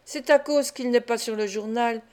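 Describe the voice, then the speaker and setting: An excitable young pickpocket, quick to lament his friend's fate and just as quick to brag, as a woman reads him aloud in an audiobook. The voice sits a little high. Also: close to an everyday voice. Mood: mournful. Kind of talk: audiobook character reading.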